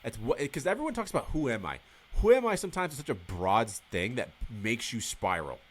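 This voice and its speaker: A man's voice: mid-range voice, sing-song, brisk. A man as a podcast guest, talking candidly and swearing freely, telling stories with acted-out dialogue in casual conversation.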